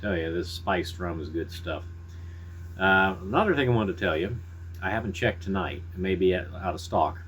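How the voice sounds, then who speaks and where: A middle-aged man chatting casually to viewers in a folksy, unhurried, halting way. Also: deep voice, animated, fairly bright tone, slight background noise. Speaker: pipe-smoking vlogger. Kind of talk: casual rambling chat to viewers.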